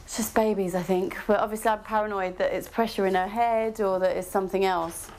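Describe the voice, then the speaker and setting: A woman's voice: medium pitch, fairly even intonation, fairly quick. Woman, mother, candid home talk, sing-song baby voice, tearful edges, noisy handheld audio. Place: family home.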